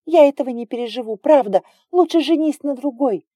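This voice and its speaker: A woman's voice: fairly quick, dark tone, dry recording, clean studio sound. A woman voicing a sobbing, pleading young heroine. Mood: desperate. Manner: high pleading cries, sobbing.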